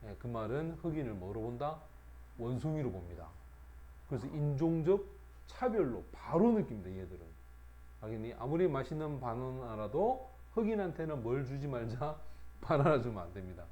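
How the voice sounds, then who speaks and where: A man's voice: medium pitch, very animated, normal speed, warm tone. A middle-aged man giving an exam-prep English vocabulary lecture, often checking with his students through tag questions. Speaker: English teacher.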